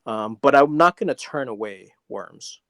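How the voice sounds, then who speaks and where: A man co-hosts a casual podcast chat, delivering long, rambling explanations in a dry, deadpan way. His pitch is ordinary and middle. The sound is close and dry, with no room echo. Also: measured pace. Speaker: podcast co-host.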